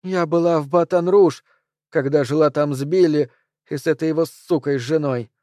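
Unstable gun-waving woman, high and shrill, male reader doing her. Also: steady tone, normal speed, dark tone, no echo, studio quality, lightly acted. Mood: agitated. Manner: shrill, emotional outbursts.

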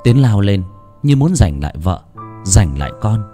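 A man narrating a serialized novel in an expressive, dramatic storytelling manner. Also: on the low side, normal speed. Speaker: audiobook narrator. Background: faint background music.

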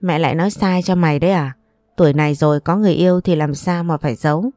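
A woman voicing a sharp-tongued middle-aged mother and grandmother, in a read-aloud family story. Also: sits low, quick pace, no echo, studio quality, faint music behind, close to an everyday voice. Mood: reproachful.

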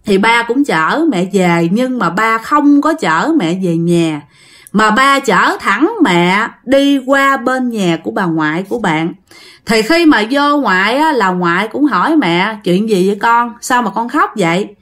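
Brief: woman storyteller, Southern Vietnamese accent, chatty, talks straight to listeners, higher voice. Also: animated, measured pace, a bit bright. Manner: chatty, addresses listeners directly. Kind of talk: casual ghost story narration.

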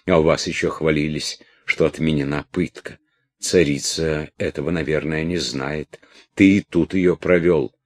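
A man reading aloud and voicing a furious, ill young captive princess with shrill, scornful outbursts. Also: fairly even intonation, a little slow. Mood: enraged.

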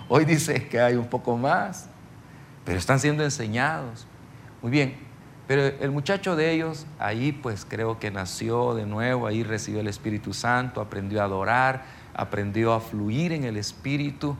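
A middle-aged pastor leads a ministry seminar in a loose sermon style driven by stories. He has a gravelly voice at an ordinary male pitch and repeatedly checks that listeners are following him. Faint background noise is present.

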